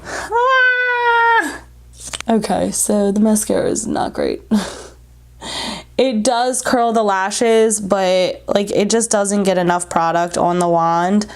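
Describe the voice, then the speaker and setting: Girl doing makeup review, chatty n blunt, kinda breathless like hyperventilating from allergies, normal pitch. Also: lively intonation, a little slow, few pauses, darkish tone. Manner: informal, blunt, jokey asides. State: breathless, congested from spring allergies. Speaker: beauty vlogger reviewing makeup. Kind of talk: casual chat to camera while applying makeup.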